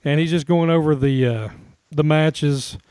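A man's voice: on the high side, unhurried, background noise. A man co-hosting a casual podcast, chatting and laughing with frequent restarts. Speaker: podcast co-host. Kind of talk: casual chat about wrestling.

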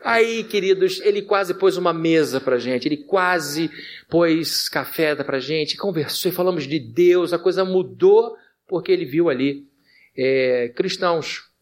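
A male pastor telling a lively personal anecdote in a sermon to his church, with a Brazilian Portuguese accent. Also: on the high side, a little slow. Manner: lively anecdotal, addresses congregation as dear ones. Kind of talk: storytelling sermon.

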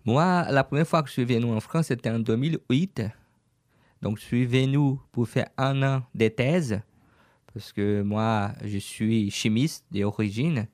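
A man's voice: mid-range voice, unhurried, a little mellow, no room sound, studio quality. A Brazilian man, native Portuguese speaker, speaking French with a Brazilian accent as a radio interview guest, a little hesitant and searching for words. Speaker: guest, business owner.

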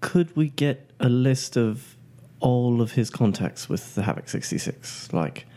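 A man's voice: mid-range voice, lively intonation, a little slow, mellow. A man playing a tabletop role-playing game, casually discussing plans with the group.

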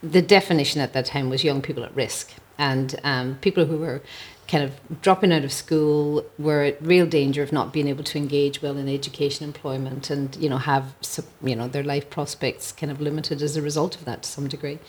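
This middle-aged or older woman, Irish-accented and from Ireland, speaks fairly quickly with few pauses and fairly even intonation in a low voice. She is a podcast guest and mental health advocate sharing her story conversationally and reflectively at home indoors.

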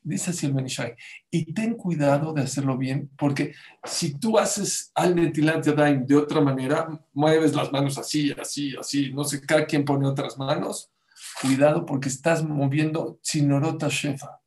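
Here a rabbi gives a Torah sermon, his voice on the high side and somewhat raised, moving at a normal speed. He's an animated storyteller who performs the quoted figures and keeps engaging listeners with pointed questions.

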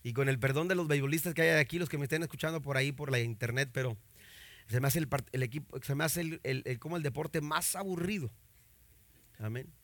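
A man's voice: a little high, a little fast, fairly bright tone, no room sound. A man preaching a sermon as pastor, telling family stories with many fillers and then reading scripture with rising fervor.

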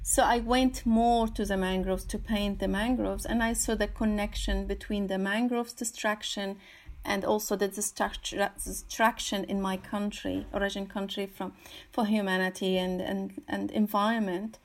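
Halting Syrian-born woman artist speaking. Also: medium pitch, level tone. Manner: halting, many fillers and repeated words. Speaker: guest, artist. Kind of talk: interview answers.

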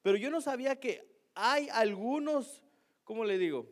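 A man's voice: extremely high pitch, expressive, normal speed. A male pastor telling a funny story about himself in a sermon, chatty and self-mocking, who keeps asking "¿no?". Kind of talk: sermon with a humorous personal story.

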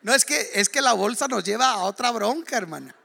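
A pastor man from Ecuador preaching a sermon, telling a story with bursts of excited exclamation. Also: high-pitched, a little fast, gravelly, breathy edge, some chatter behind.

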